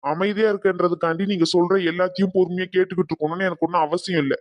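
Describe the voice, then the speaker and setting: A man's voice: high voice, little pitch movement, racing, dry recording, close to an everyday voice. A man voicing a stern young groom in a cartoon drama who lectures and defends his sister. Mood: angry.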